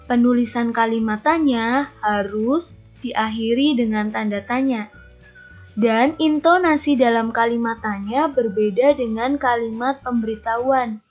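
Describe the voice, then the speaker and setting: A woman primary school teacher giving an online lesson to young children, encouraging them and asking them to pay attention. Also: fairly high pitch. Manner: encouraging, addresses children directly, tag "ya". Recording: lo-fi recording with faint music.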